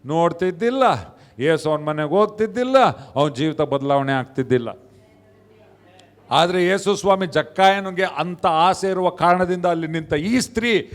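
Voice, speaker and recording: Pastor, male, high voice, Kannada accent, excited church preaching. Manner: preaching with loud hallelujah shouts and quick asides. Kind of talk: sermon.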